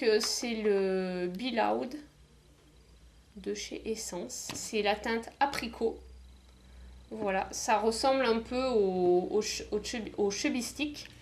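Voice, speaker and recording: A woman's voice: a little high, a little hiss or hum. A woman from the south of France chatting casually in a beauty haul video, hesitant, with many fillers and restarts. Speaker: beauty vlogger.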